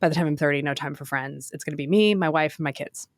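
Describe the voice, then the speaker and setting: Low-voiced woman podcast host, lively. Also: fast talker, no room sound. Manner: animated, laughs often, acts out quoted survey answers. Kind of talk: casual podcast discussion.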